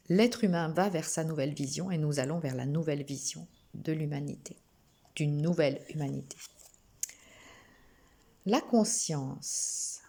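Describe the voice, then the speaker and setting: A French woman gently reading oracle cards to her viewers, with many pauses and small restarts. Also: low voice, husky. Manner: slow, gentle, with frequent hesitations and restarts. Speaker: spiritual card reader. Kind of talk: oracle card reading to camera.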